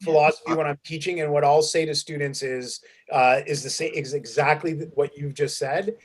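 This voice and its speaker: A man with a fairly high voice hosts a panel over a video call. He talks thoughtfully, often restarting a sentence as he works out his question. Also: fairly even intonation, a little fast. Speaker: acting program director hosting a panel. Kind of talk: online panel discussion.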